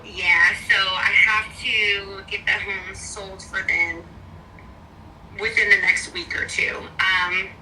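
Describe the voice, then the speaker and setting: A woman's voice: mid-range voice, level tone, takes it slowly. A woman on a phone call, a real estate agent chatting and explaining at length. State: bad cell service. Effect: heard over a phone call. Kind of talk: casual phone conversation. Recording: distant phone line, faint noise.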